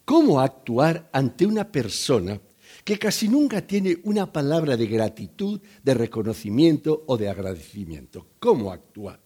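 Older man, sermon, conversational, acts out voices, lively pitch. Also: moderate pace, breathy edge. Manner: conversational, joking asides to the congregation; acts out quoted voices in the story. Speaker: pastor.

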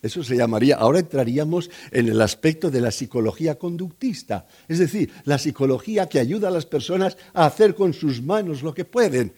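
A male pastor preaches with a husky, slightly high voice. His pitch swings widely as he acts out scenes in different voices. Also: lively intonation, fairly quick, hardly any pauses, mellow. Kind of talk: sermon.

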